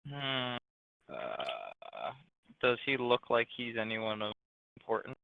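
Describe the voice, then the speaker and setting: Slow, gravelly man on a tinny line. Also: mid-range voice, wildly swooping pitch, no echo. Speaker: player. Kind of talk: casual tabletop game play.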